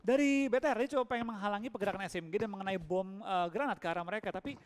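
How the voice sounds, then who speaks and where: A man casting a live esports match with brisk narration of the action. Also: high-pitched, a little hiss or hum. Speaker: esports caster.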